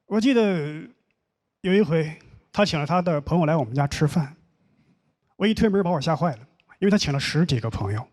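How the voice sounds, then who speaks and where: A young man doing a stand-up comedy set on stage, telling stories with deadpan mock complaints. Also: on the high side, fairly quick, long pauses. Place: comedy stage with live audience. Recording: noisy live show audio.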